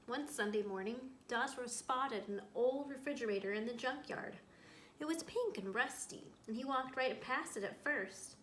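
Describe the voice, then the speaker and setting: Reading a picture book to a group of children, this school librarian speaks in a fairly high, fairly bright voice at a moderate pace. She tells the story with expression and makes small asides to her audience, while the room echoes and background noise is clearly audible.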